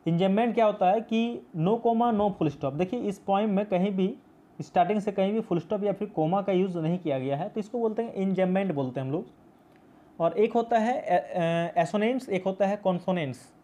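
A man's voice: high voice, normal speed, warm tone, muffled recording. A male teacher explaining a poem in a class video, patient and repetitive, mixing English terms into his speech. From India.

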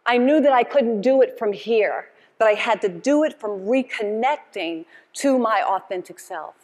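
Her voice sits on the high side, expressive and a little mellow, at a normal speed with a long reverb tail. A middle-aged woman, she gives a motivational keynote with call and response from an indoor conference stage to an audience, speaking with passion and emphasis and repeating phrases as a preacher would.

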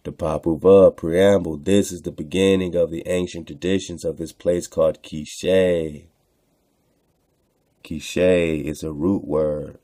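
On his radio show, a man reads texts and comments on them informally, preaching rhetorically and repeating phrases for emphasis. His low, mellow voice holds a steady tone and he takes it slowly, captured in clean studio sound with no room sound.

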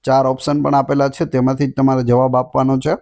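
A man's voice: mid-range voice, monotone, brisk, gravelly, darkish tone. A man teaching an exam-prep lesson, reading out each question and then giving its answer.

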